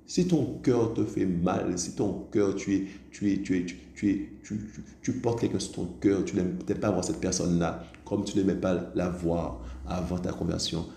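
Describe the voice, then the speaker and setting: A man preaches a sermon in a low, gravelly, dark voice. He keeps turning to his listeners with questions and calls them "my friends", often tripping over his words and starting again. The voice echoes in the room, with a faint murmur of noise behind it. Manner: repeats "vous voyez ça?" and "mes amis", with stammering restarts.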